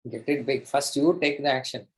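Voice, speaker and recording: A man with an Indian accent leads an interactive online class as a coach, moving between English and Hindi. His medium-pitched voice is steady and brisk, and he pushes his points emphatically, repeating phrases for effect.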